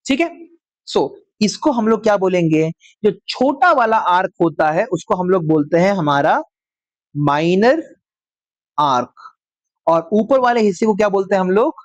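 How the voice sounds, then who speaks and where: A man teaching a maths class, dictating slowly word by word and often checking whether the students follow. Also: high voice, lively intonation, dry recording, muffled recording. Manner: slow dictation word by word, checks with frequent questions. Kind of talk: live class lecture.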